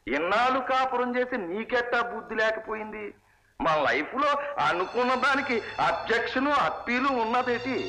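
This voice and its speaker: Smug mocking village dad, highish bright voice, lectures everyone. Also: male voice, normal speed, faint music behind, low-quality recording. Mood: lecturing. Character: sarcastic scheming middle-aged village father. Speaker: father of the bride. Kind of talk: 1980s film dialogue.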